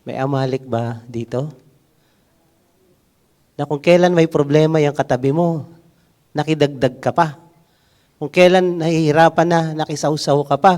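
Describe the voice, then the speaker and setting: A man preaching a sermon, mixing English into his talk and asking the congregation rhetorical questions, swinging from loud to hushed. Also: fairly high pitch, steady tone, moderate pace. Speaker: pastor.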